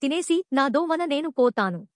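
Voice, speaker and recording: A woman's voice: high-pitched, lively intonation, moderate pace, dry recording, clean studio sound. A woman voicing a hungry, cunning male fox who whines and threatens in a children's story. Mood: wheedling. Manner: wheedling then threatening.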